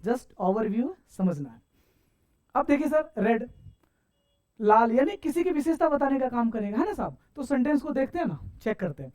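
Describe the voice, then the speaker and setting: A man's voice: very high voice, big pitch swings, darkish tone. A man teaching an English grammar lesson, asking his students questions and answering them himself, calling them sir. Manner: keeps addressing listeners as sir and saahab; stretches out English example sentences slowly.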